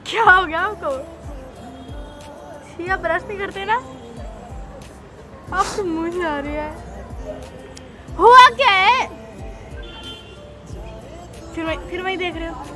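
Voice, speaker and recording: A woman's voice: very high voice, fairly even intonation, moderate pace, pauses often, over music. A woman teasing and coaxing her boyfriend in a casual, playful argument. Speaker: girlfriend in prank vlog.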